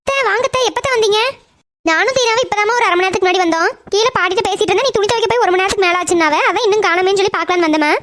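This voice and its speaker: A woman's voice: very high voice, very fast, fairly bright tone. A woman voicing a greedy, scheming middle-aged aunt in a cartoon, muttering her plots to herself. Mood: coaxing. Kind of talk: cartoon voice acting.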